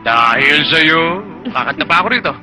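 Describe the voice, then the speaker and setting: A gravelly film tough guy. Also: fairly high pitch, sing-song, fairly quick, exaggerated voice. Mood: tender. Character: tough but tender young male tough guy. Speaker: lead actor in a Filipino action film. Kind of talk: film acting. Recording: film soundtrack with loud music.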